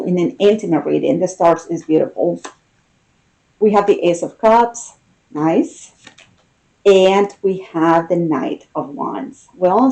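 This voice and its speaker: A woman giving an intimate tarot reading in a casual, conversational manner, with unhurried, drawn-out emphasis and a mellow, soft-edged voice. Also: lowish voice, gravelly, poor audio. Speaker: tarot card reader.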